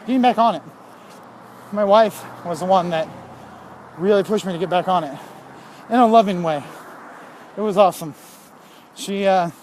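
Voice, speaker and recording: High-voiced man vlogging on a walk. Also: a little mellow, a little hiss or hum. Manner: rambling, candid, with many fillers. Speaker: fitness vlogger. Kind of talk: casual talk while walking. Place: outdoors on a walk.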